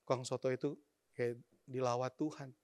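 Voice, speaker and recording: Brief: man in his forties, church testimony, animated storyteller, speaks to the crowd directly. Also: medium pitch, moderate pace.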